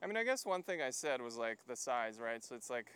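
A Hungarian man with a clear, resonant, slightly bright voice of medium pitch chats briskly and in a sing-song way as a podcast guest while walking outdoors to a lookout. His storytelling rambles, packed with fillers and frequent "like."

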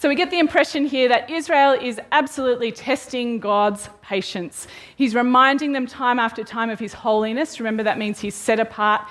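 A woman preaching a sermon. She retells a scripture story in a lively way and acts out the people's voices. Her voice sits a little high for a woman. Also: brisk, few pauses. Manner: animated storytelling, acting out quoted voices.

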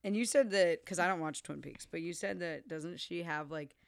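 A woman's voice: fairly low pitch, normal speed, creaky, no room sound, studio quality. A woman chatting casually as a co-host in valley girl style, filling her sentences with "like". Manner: valley girl talk, frequent "like". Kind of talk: casual chat about film and TV.

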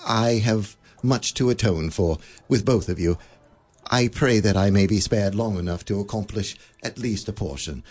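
An actor playing Scrooge, an elderly miser turned giddy and generous, laughing and lively in a radio play. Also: male voice, on the low side, moderate pace, slightly rough. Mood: joyful. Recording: studio radio drama with faint music.

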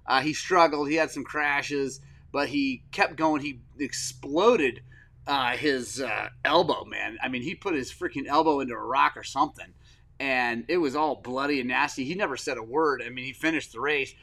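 A middle-aged man hosting a podcast in casual chat, an excitable storyteller who swings from loud enthusiasm to soft, choked-up moments. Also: medium pitch, moderate pace, gravelly. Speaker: podcast host.

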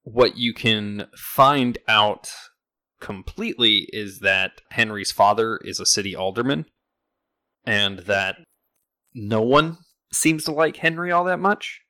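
A man's voice: lowish voice, animated, slow, sharp tone, no echo. A man narrating as game master in a tabletop role-playing game, laid-back and conversational.

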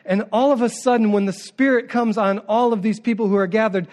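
High-voiced man preaching conversationally. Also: fairly even intonation, fairly quick, a little mellow. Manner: conversational storytelling with casual asides. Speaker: pastor. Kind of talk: sermon.

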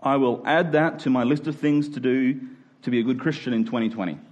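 The recording is lo-fi, and the man's medium-pitched, slightly mellow voice moves fairly quickly. He's a pastor giving a conversational expository sermon, regularly asking rhetorical questions and adding check-ins such as "right?" and "okay?".

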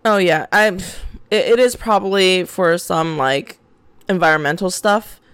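A woman's voice: lowish voice, measured pace, clean tone, dry recording. A young woman hosting a podcast, ranting in a casual, exasperated way, swearing and restarting her sentences. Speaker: podcast host.

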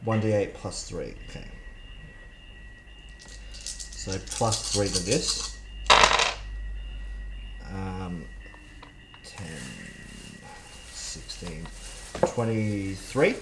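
A man's voice: deep voice, extremely slow, pauses often. A man playing a tabletop roleplaying game, chatting casually as he works out his turns and dice. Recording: echoey room, noisy background with clicks.

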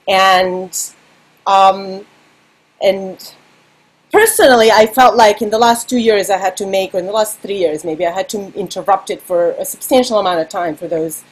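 A woman's voice: mid-range voice, breathy edge, poor audio. Chatty woman from Serbia interviewing. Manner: chatty, searching for words. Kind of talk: conversational interview.

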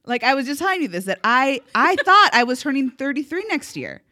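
A woman's voice: high-pitched, big pitch swings, fairly quick, bright, forceful tone. A woman in her thirties co-hosting a podcast, telling a story in casual chat and laughing often. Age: 30s. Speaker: podcast co-host.

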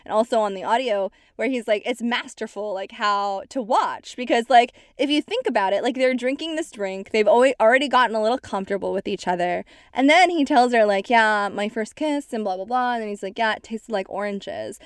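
A woman's voice: a little high, brisk, few pauses, clean tone, no echo, clean studio sound. A young woman co-hosting a podcast, chatting casually and retelling a show with lots of "like". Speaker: podcast co-host. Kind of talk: casual chat recapping a reality show.

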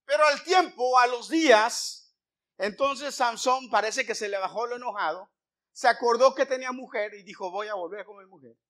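Man, preacher, very high voice, bright tone, animated sermon storytelling. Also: normal speed. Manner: animated, asks the listeners questions.

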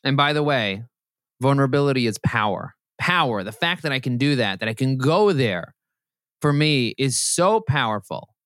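A man guests on a podcast and talks with emphatic, motivational drive, his mid-range voice pushing into animated, sermon-like bursts. The sound is dry and close to the mic. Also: medium pitch, moderate pace, no room sound. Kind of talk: podcast interview. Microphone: podcast microphone.

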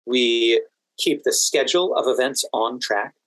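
Speaking unhurriedly in a mid-range, slightly bright voice, this podcast guest from Washington, D.C. walks through his work as an exam event manager and educator. He's articulate, methodical, and conversational. The audio is dry and rough.

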